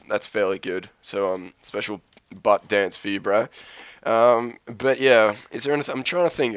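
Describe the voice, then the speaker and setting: A man's voice: on the low side, a bit bright, clean tone, no room sound. A man with a sick voice giving casual, rambling commentary over his gameplay, swearing and poking fun at himself. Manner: rambling, profane, self-mocking. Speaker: Let's Play host.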